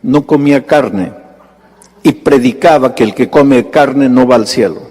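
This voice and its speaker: A male pastor delivering a sermon, telling a story and acting out the dialogue, his voice jumping high in animated bursts. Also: a little slow. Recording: long hall reverb.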